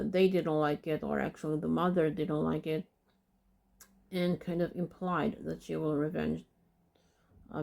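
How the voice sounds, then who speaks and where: Woman podcast host, slow deliberate talk, gravelly fry, hesitant with fillers, dry sarcasm. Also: sits low, darkish tone. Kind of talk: casual commentary on a documentary.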